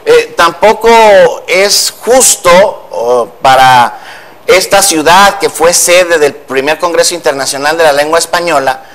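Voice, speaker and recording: A man's voice: on the high side, measured pace, a bit bright. Man explaining spelling rules on TV. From Mexico. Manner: didactic, patient, explains step by step. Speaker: language commentator on a TV news show. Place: TV news studio.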